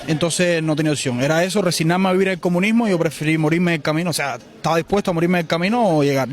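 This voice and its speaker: Outdoors in a city, a man in his twenties from Cuba gives a street interview, speaking very fast and outspokenly in a slightly high voice with a Cuban Spanish accent.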